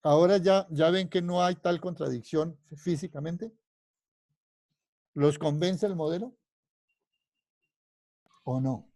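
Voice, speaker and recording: A physics professor gives a university lecture in a mellow, rather high voice, speaking slowly with long pauses. He explains while constantly checking understanding with questions, rephrasing and restarting mid-sentence as he thinks aloud. The studio-quality audio has no echo.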